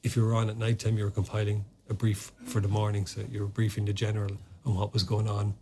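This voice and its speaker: Talking fast in a completely flat, low voice over background noise, an Irish ex-soldier guests on a podcast for a casual interview. He hesitates a great deal, with many fillers and restarted sentences.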